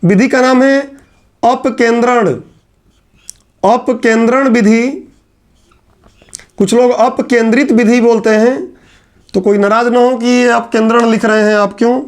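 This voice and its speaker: Very high-voiced male teacher. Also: steady tone. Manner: chatty, teasing asides to students; repeats key terms slowly. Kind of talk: classroom lecture. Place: teaching room with a whiteboard.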